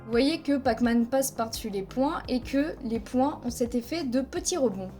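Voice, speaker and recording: A woman's voice: sits high, animated, normal speed, dark tone, soft background music. A woman teaching a video editing tutorial over a headset mic, explaining each step plainly and counting frames aloud. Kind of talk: screen-recorded software tutorial.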